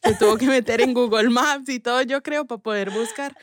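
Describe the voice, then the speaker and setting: A woman's voice: on the high side, fairly quick, no echo, studio quality. A woman telling an amused anecdote in a voice note. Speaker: listener sending a voice note.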